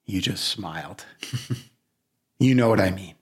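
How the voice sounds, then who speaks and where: A man with a Brooklyn accent hosting a reflective coaching conversation, speaking deliberately, probing and repeating words for emphasis. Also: low-pitched, expressive. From Brooklyn, New York. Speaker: podcast host and coach.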